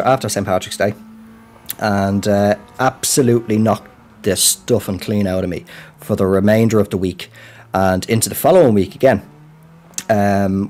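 A man with an Irish accent and a slightly low voice talks to his gaming channel. He tells his story in a loose, colloquial, rambling way, with a self-deprecating touch. The delivery is casual chat, like a personal update. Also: darkish tone, a little hiss or hum.

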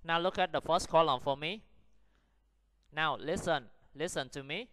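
A man's voice: fairly high pitch, a little slow, long reverb tail, very noisy. A Vietnamese man with a Vietnamese accent teaching an online English lesson, drilling words for students to repeat and explaining in Vietnamese.

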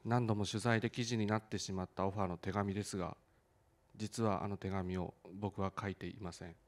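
A film director on a theater stage, reading a heartfelt letter aloud in an earnest, measured and slightly halting way. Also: male voice, fairly low pitch, little pitch movement.

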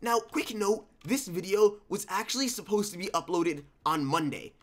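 A man's voice: sits high, animated, moderate pace, a bit bright. Young male gaming creator, sick-sounding voice, loose chatty voice-over delivery. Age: young adult. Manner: rambling, conversational, restarts. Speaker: gaming YouTuber. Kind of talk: casual voice-over commentary. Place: at home.

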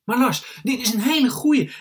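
A man doing a shrill, eager little boy. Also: lively intonation, normal speed, a bit bright, slightly rough, heavily acted. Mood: eager, insistent. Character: excitable little boy, pushy and joking.

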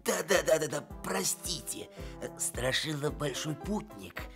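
A man's voice: fairly high pitch, expressive, a little slow, fairly bright tone, soft background music. An actor playing a good-natured, newly made straw scarecrow who muddles his words in a children's radio play. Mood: flustered, apologetic. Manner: muddles and swaps words, bumbling.

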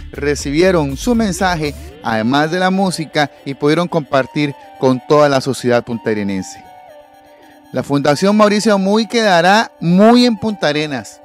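A man reporting a local charity event in formal news narration. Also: a little high. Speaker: TV reporter and interviewer. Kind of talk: news narration and street interview. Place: outdoor seaside event. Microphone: handheld mic.

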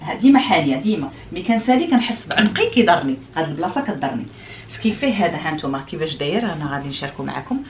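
Middle-aged Moroccan-accented woman, vlogger, chatty explainer, talks very fast in a lowish voice. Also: big pitch swings, a little hiss or hum. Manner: chatty, explaining and demonstrating, French words mixed in. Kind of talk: casual chat to viewers.

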